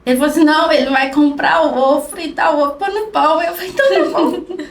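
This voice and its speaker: High-voiced woman telling a heartfelt story. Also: fast. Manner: acts out quoted dialogue, speaks softly. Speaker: podcast guest. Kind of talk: emotional personal storytelling. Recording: roomy, distant mic with faint noise.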